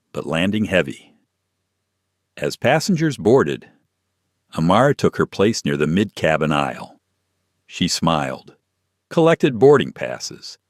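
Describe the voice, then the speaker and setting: A man's voice: deep voice, dry recording, clean studio sound. A man narrating a tense, dramatic story.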